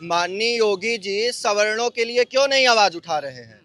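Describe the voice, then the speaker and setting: Indignant man, bright high voice. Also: animated, moderate pace, dry recording. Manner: indignant, repeats his questions insistently. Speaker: member of the public giving his view. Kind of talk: heated street interview.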